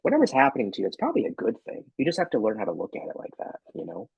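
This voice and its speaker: A man's voice: mid-range voice, huge pitch swings, very fast, vocal fry, a little mellow, husky, dry recording, highs cut off. A man co-hosting a workshop over a video call, telling a personal story in a candid, casual way with the odd swear word. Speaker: workshop co-host.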